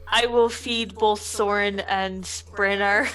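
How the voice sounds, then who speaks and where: A woman's voice: mid-range voice, fairly even intonation, slow, fairly bright tone, rough recording. A woman playing a tabletop role-playing game, chatting casually in and out of her role. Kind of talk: casual role-play chat.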